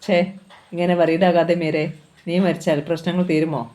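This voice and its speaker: A reader voicing an anxious young man who urgently pleads with a friend to calm down. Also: medium pitch, normal speed, lightly acted.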